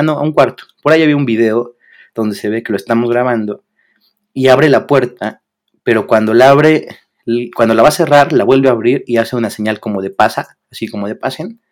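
A man's voice: mid-range voice, fairly quick. A young man with a Mexican accent, co-hosting a podcast and casually telling a story with lots of slang and acted-out quotes. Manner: animated, slangy, acts out quoted voices. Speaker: podcast co-host.

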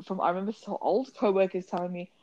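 A woman's voice: medium pitch, fairly even intonation, fast, dark tone, highs cut off. A young woman with a Western Sydney Australian accent, chatting casually and bluntly as a podcast co-host, full of swearing and Aussie eshay slang.

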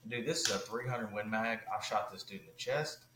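Man, low voice, casual rambling storyteller, roomy sound, faint background noise. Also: brisk. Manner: animated, rambling with many fillers. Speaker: podcast guest.

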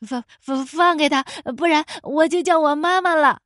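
A woman's voice: on the high side, animated, normal speed, no echo, studio quality. A woman doing a timid young playmate boy. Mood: stammering. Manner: impatient, then stammering.

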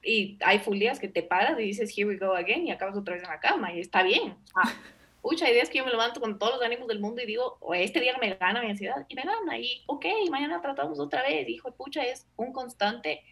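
A woman's voice: on the high side, fast, vocal fry, a bit bright. Emphatic woman, candid chat. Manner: candid, emphatic, mixes English words into Spanish. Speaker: health coach. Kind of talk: casual podcast chat.

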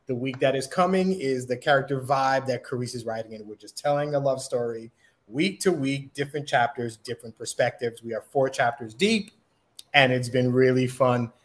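A man's voice: medium pitch, normal speed. A man speaks as a podcast panelist. His voice sits in a middle range and his delivery is casual and conversational.

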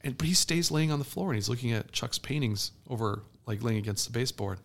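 Animated laughing man telling a story. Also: medium pitch, quick pace. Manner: animated, laughing often, crude, acts out others' lines loudly. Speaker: podcast co-host. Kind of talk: casual storytelling chat.

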